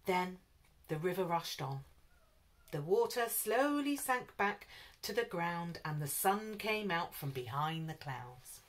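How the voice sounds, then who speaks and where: A woman storyteller reading a children's picture book aloud in an expressive, lively way. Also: on the low side, unhurried.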